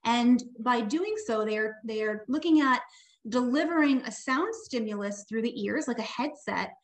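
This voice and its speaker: A woman audiologist presenting on a video call webinar, explaining in a steady, informative way. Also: fairly high pitch, unhurried. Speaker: audiologist and tinnitus specialist.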